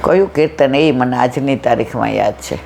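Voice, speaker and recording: A woman giving a devotional satsang talk, telling stories and acting out the dialogue lively. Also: a bass voice, normal speed, creaky, slight background noise. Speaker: satsang speaker.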